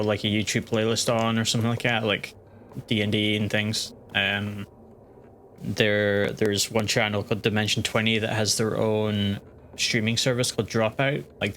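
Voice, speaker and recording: A man's voice: fairly low pitch, a bit bright, a little hiss or hum. A man streaming a game live, chatting casually and rambling with lots of restarts. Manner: rambling, full of fillers and restarts. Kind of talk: casual gaming livestream chat.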